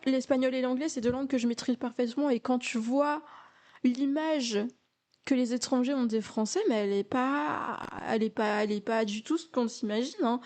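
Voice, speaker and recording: A woman's voice: on the high side, a little mellow. A young woman from France telling a casual storytime, chatty, with many fillers and repeated words.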